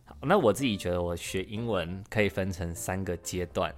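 Low-voiced man. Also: brisk. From Taiwan. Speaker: podcast host, interviewee. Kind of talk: podcast interview.

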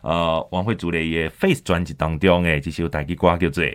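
A man's voice: deep voice, fairly quick, clean tone. A man with a Taiwanese accent hosting a music show, chatting casually with lots of interjections. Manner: animated, with frequent interjections and backchannels. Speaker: radio music show host.

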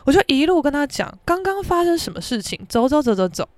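A woman's voice: sits high, big pitch swings, fast talker, no room sound. A woman with a Taiwanese Mandarin accent hosting a podcast, telling a story in a brash, profane, dramatic way. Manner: brash, profane, dramatic, shouts out reenacted quotes. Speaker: podcast host. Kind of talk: casual storytelling monologue.

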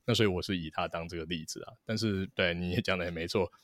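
Deep, fast-talking man with strong opinions. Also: steady tone, fairly bright tone, dry recording, clean studio sound. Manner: opinionated, mixes in English words. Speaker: podcast co-host. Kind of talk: casual sports chat.

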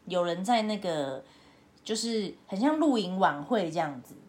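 A woman, hosting a podcast and telling a story in a casual, animated way, often laughing. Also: normal speed. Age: 30s. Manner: animated, laughing, acts out her own past lines in a high voice. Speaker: podcast host. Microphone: home remote recording.

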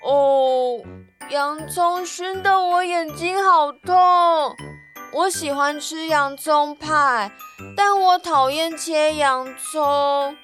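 A woman voicing a teary-eyed lion who grumbles and complains in drawn-out words. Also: high voice, fairly bright tone, soft background music, voice pushed up, exaggerated voice. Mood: grumbly.

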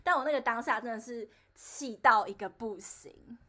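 A young woman with a Taiwanese Mandarin accent, co-hosting a podcast and telling stories in an animated way, acting out what people said. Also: a little high, normal speed. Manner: animated storyteller who acts out quotes. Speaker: podcast co-host. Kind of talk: casual chat.

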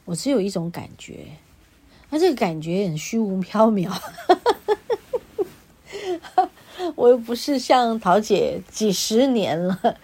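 A woman's voice: mid-range voice, a little mellow, slightly rough. A middle-aged woman from Taiwan with a Taiwanese Mandarin accent, chatting casually on her own podcast, laughing often and acting out little dialogues. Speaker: podcast host and healer. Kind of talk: casual solo podcast chat. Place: home.

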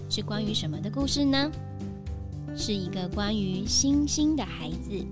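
A woman narrating a children's story in a gentle, sing-song way. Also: mid-range voice, animated, normal speed. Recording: background music.

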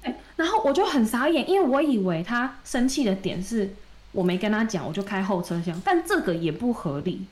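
A woman with a mid-pitched voice, telling a story in a casual podcast chat. She retells it with animation and acts out the lines of the people in it. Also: sing-song, fairly quick, a little mellow. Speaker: podcast co-host.

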